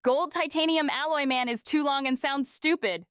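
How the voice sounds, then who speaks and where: Woman as a high-voiced, flippant young woman. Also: normal speed, a bit bright, no echo, studio quality.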